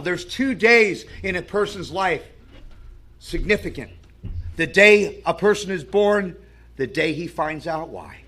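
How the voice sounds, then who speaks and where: At a recovery meeting, a man shares his personal story earnestly and conversationally, telling anecdotes along the way. His voice is on the high side, bright and pushed, with vocal fry.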